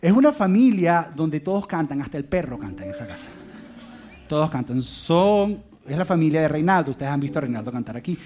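A man telling a heartfelt story to a church audience, swinging between loud emphasis and hushed soft lines. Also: fairly high pitch. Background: soft guitar music.

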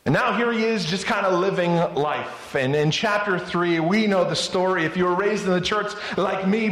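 A man's voice: sits high, a bit bright, reverberant, rough recording. A male pastor preaching a sermon in an earnest way, often stammering into restarts.

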